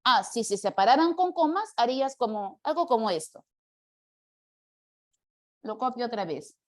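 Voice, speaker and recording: A fairly high-voiced woman teaches punctuation in a live online class. She explains patiently, slowing down to read example questions aloud and answering students by name. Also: expressive. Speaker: language teacher.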